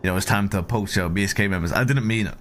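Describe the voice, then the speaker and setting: Low-voiced roadman, blunt and teasing. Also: rapid-fire, a little hiss or hum. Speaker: role-play gamer. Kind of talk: casual in-character banter.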